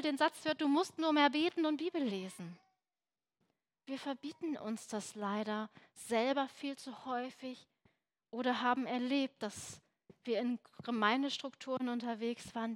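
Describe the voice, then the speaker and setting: A woman's voice: high voice, normal speed, fairly bright tone, no room sound. A young woman giving an earnest, emphatic sermon, at times dropping to a near whisper for emphasis. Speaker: preacher.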